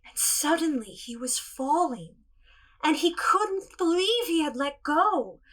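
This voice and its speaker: A woman playing a gentle, sincere princess who tells children a story in a soft, slow, soothing way, sometimes dropping to a whisper. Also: high-pitched, lively intonation, full character voice, rough recording. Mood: storytelling.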